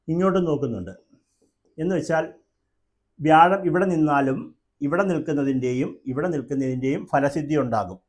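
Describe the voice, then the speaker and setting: A man's voice: on the high side, a little mellow. Man counting off astrology houses. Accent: Keralite Malayalam. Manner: explains slowly, counts houses aloud, asks and answers himself. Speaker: temple priest and astrologer. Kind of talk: astrology lesson to camera. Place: indoor room with a fan running.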